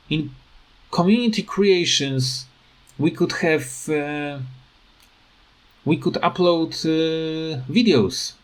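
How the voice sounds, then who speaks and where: A gaming video creator rants casually over game footage, his phrasing halting and non-native. His voice is on the high side.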